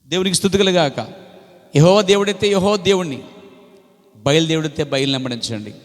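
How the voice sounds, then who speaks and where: A man's voice: a little high, fairly quick. A man preaching a sermon, with emphatic repetition and frequent praise interjections. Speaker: pastor. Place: church hall. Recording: long hall reverb.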